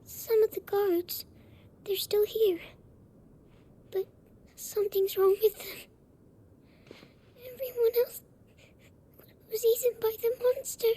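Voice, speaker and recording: Casting: terrified little girl survivor in a video game, very high, slow, tremulous, pleading, slight noise behind. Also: level tone, warm tone. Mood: scared, halting. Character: frightened, pleading young girl, a survivor captive.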